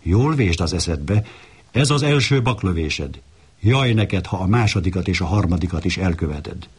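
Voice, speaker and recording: A man voicing a bossy, blustering male donkey in a read-aloud fable, with a husky voice and a scolding manner. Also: low voice, lively intonation, heavily acted. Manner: scolding, boastful.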